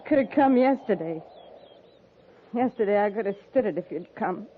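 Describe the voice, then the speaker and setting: An actress playing a worn-out, grieving frontier widow in a 1950s radio western, halting and bitter in her speech. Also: medium pitch, lively intonation, narrow, tinny audio, lightly acted. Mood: bitter, defensive. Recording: noisy, thin 1950s radio transcription.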